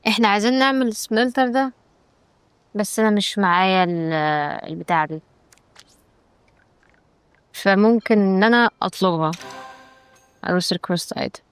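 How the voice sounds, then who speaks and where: A woman's voice: medium pitch, fairly quick, long pauses, clear, resonant tone, no echo. A woman with an Egyptian accent giving casual let's-play commentary, chatty and exclaiming, bantering with game characters. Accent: Egyptian Arabic. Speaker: gaming YouTuber.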